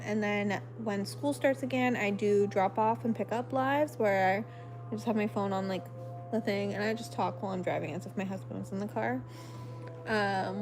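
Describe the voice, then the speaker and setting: A woman's voice: mid-range voice, darkish tone. A woman in her thirties hosting a casual late-night live stream at home, reading viewer comments in a rambling, apologetic way with lots of "um"s, close to her phone. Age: 30s. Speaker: livestream host. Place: at home at night, lit by a flashlight. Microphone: phone camera held close.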